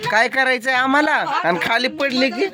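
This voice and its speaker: A man's voice: extremely high pitch, moderate pace, loud music behind the voice. A man vlogging, chatting and teasing as he rides outdoors on a farm vehicle. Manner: teasing, bantering. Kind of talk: casual vlog chat and teasing. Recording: loud outdoor vehicle noise.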